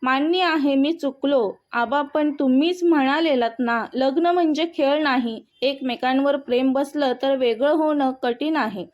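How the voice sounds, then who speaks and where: Brief: devoted young husband from an audio story, earnest and pleading, voiced by a woman; high voice, muffled sound. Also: a little slow, hardly any pauses, a little mellow.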